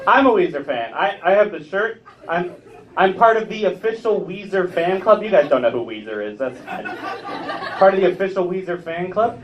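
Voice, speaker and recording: High, lively man doing stand-up. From Ontario, Canada. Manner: self-mocking, chatty asides to the crowd. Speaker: stand-up comedian. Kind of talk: live stand-up set. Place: comedy club stage with a live audience. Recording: distant, muffled club recording.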